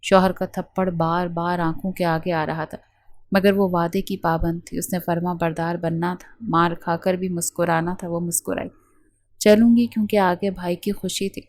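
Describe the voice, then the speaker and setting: Brief: female audiobook narrator, low voice, dry close recording, steady emotive delivery. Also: no echo. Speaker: novel narrator.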